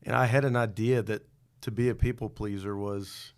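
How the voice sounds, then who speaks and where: A man's voice: fairly low pitch, steady tone, normal speed, clean tone. A middle-aged man, a podcast guest, telling his own story in a candid, reflective way with some self-deprecating humor. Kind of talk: personal testimony in a podcast interview.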